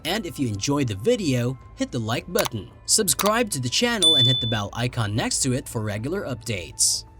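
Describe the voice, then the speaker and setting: A man reading scripted nature documentary narration in a measured, explanatory way. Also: medium pitch, sing-song. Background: background music.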